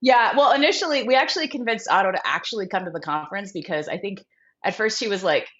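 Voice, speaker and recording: Excitable woman host with a cold, lo-fi. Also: mid-range voice, fast talker. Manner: excitable, gushing, says "freaking" a lot. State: has a cold. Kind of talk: casual podcast chat. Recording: dull lo-fi sound.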